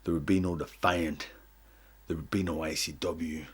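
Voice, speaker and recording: A man cutting a boastful, goading wrestling promo, swinging from loud to hushed. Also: extremely low pitch, fairly even intonation, moderate pace, slightly rough. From not from the UK.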